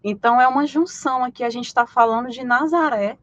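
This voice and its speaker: A Brazilian woman hosts a live stream and explains her points, often hesitating and restarting. Her voice sits a little high. The audio is dull and lo-fi. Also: fairly quick, no room sound. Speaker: host.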